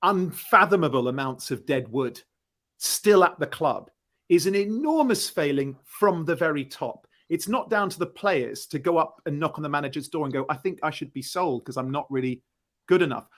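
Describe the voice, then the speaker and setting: Emphatic, slightly high-voiced man talking football. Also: animated, normal speed, fairly bright tone. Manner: emphatic, rhetorical, thinks aloud with questions. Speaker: podcast panellist and football fan. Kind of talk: casual football discussion.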